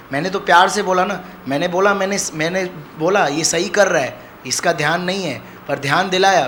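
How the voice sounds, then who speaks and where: A man's voice: high voice, a bit bright, slight background noise. A man giving earnest, rambling testimony at a devotional gathering in a community hall. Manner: earnest, rambling, repeats a filler phrase. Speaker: devotee sharing experience.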